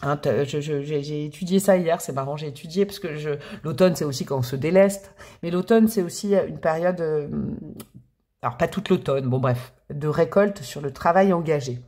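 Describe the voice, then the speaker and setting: A woman's voice: deep voice, normal speed, warm tone. A woman giving a casual tarot reading to camera, chatty and playful, calling her viewers affectionate pet names. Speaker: tarot reader.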